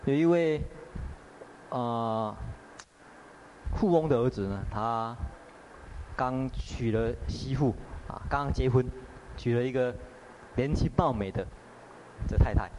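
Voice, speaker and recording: A man's voice: medium pitch, takes it slowly, pauses often, darkish tone, a little hiss or hum, rough recording. A man teaching meditation in a conversational dharma talk, often asking his listeners questions. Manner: conversational, filler-laden, asks the audience. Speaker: Buddhist teacher.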